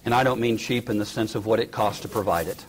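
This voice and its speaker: A man delivering a sermon in a dramatic storytelling way. His voice leaps high for emphasis, then sinks low and quiet for tender moments. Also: steady tone, fast talker, a little hiss or hum. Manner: dramatic retelling with acted quotes, rising and dropping to a hush. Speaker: preacher.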